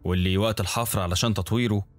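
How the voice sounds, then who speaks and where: A man voicing a courteous, mysterious engineer in his fifties with an Egyptian Arabic accent, calm and knowing. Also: lowish voice, racing, soft background music, close to an everyday voice. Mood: polite. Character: smiling middle-aged male engineer, polite and mysterious.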